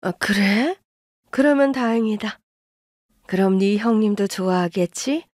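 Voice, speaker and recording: For a storybook radio drama, a woman plays an older mother-in-law who favors her elder son and brushes off complaints, sounding dismissive and self-justifying. Her mid-range voice is a little slow and mellow, lightly acted, in a dry, studio-quality recording.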